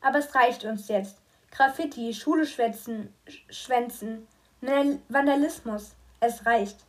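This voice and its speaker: A woman reading a weary but firm father's lines in an audiobook, measured and steady. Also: on the high side, lightly acted.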